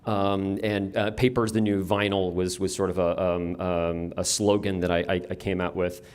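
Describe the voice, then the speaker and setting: A young man from upstate New York talks to a conference room about running a map store. His voice sits a little low, and he speaks in a loose, wry way, with frequent ums, likes and false starts. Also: flat delivery, normal speed, darkish tone. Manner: casual and wry, many ums and restarts. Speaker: map store owner giving a conference talk. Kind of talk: conference presentation. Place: conference room before an audience.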